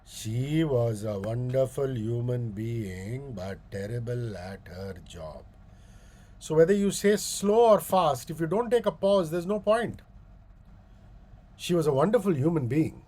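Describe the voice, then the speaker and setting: Animated yet mellow, a booming-voiced guest speaker with an Indian English accent runs a public speaking workshop. He speaks slowly and deliberately, with long pauses and demonstrations he repeats.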